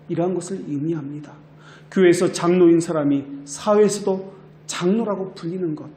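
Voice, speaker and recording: Guy preaching a sermon, kinda high voice, echoey church room. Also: a little mellow. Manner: earnest exhortation, quotes people in a mocking voice. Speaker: pastor.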